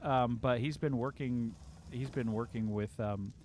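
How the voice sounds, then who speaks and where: A man's voice: mid-range voice, measured pace, darkish tone, a little hiss or hum. Chatty upbeat man hosting a game stream. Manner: chatty, upbeat, reads viewer comments aloud. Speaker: livestream host. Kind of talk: casual live-stream chat. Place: home.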